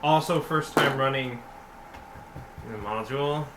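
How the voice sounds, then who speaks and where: A man talking casually as game master, halting and tender-mouthed after having his wisdom teeth out. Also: mid-range voice. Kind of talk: casual chat at a tabletop game. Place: indoor room with group around a game. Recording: noisy, echoey room recording.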